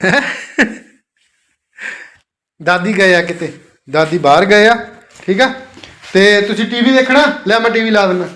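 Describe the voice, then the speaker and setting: A man's voice: high voice, unhurried, pauses often, pushed and bright. A young father vlogging his family day, talking to his children in a doting, coaxing way and often checking that they agree. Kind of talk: casual family vlog narration.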